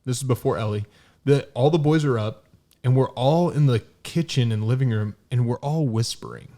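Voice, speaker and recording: A man in a relaxed home podcast, speaking at a middle pitch. He rambles through stories full of "like" and "um" and keeps a casual, conversational flow. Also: normal speed. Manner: rambling, storytelling, many fillers. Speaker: podcast co-host.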